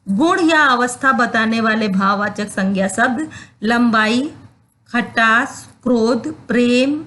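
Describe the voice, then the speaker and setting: A woman's voice: a little high, fairly bright tone. A woman teacher explaining a grammar lesson, saying each example word twice and spelling out the rules step by step. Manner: repeats each example word slowly and deliberately.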